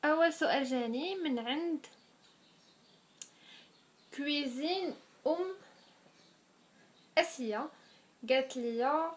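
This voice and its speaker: A woman's voice: high-pitched, slow pace, long pauses. A woman in her twenties with a Moroccan accent, chatting casually as a vlogger answering viewers' questions and slipping French words into her speech. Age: 20s. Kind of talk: casual Q&A vlog.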